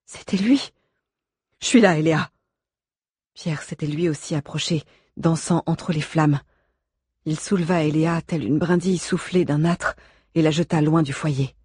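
Husky, dry-voiced audiobook narrator. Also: mid-range voice, steady tone, a little mellow, no room sound. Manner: measured, suspenseful reading.

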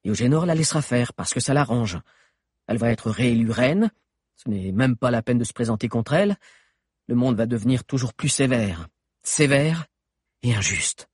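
A man's voice: mid-range voice, very animated, unhurried, pauses often, darkish tone, slightly rough, dry recording, studio quality, exaggerated voice. A man playing an earnest, urgent teenage boy. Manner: earnest, insistent.

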